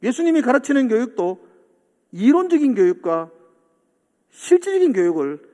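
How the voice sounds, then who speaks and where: A man preaches from a church pulpit. His voice sits high and swings widely in pitch as he acts out the disciples' complaints. The sanctuary leaves a long reverb trailing behind each phrase. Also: big pitch swings, moderate pace, mellow. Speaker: pastor. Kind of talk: sermon.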